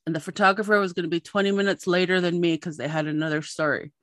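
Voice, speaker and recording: A woman podcast host and journalist, chatting casually and telling a lively story, acting out the voices of the people in it. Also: on the low side, fast, no room sound. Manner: animated storyteller, acts out quoted voices.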